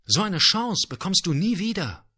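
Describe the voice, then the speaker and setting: A man voicing a big, kind double bass in a told story, urging a small friend on in a raised, lively way. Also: normal speed, husky, heavily acted. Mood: encouraging.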